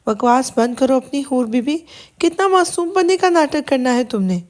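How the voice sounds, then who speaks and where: A woman's voice: high voice, lively intonation. A woman voicing an angry young man who speaks harshly in an audio novel. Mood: furious. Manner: harsh, shouting.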